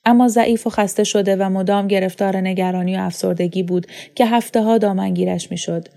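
A woman from Iran narrating a novel aloud in a calm, measured storytelling voice. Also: medium pitch, gravelly. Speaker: audiobook reader.

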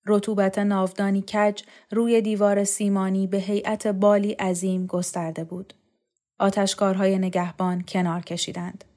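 A woman narrating a literary novel in a steady, measured reading voice, as a regular storyteller of a bedtime story show. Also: medium pitch. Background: soft music.

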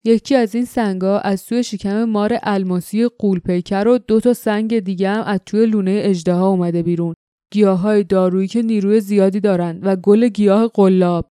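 A hulking, wild warrior who grumbles gruffly and boasts of his strength, voiced by a woman reading aloud, slow and heavy in delivery. The tone stays mellow and dark. It is recorded close and dry. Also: mid-range voice, fairly even intonation, no echo, close to an everyday voice. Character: huge wild male warrior, growling and boastful.

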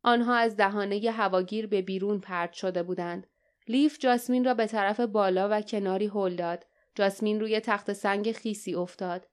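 A woman narrating an adventure audiobook in a steady, dramatic storytelling manner. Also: mid-range voice, clean tone. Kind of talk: scripted narration.

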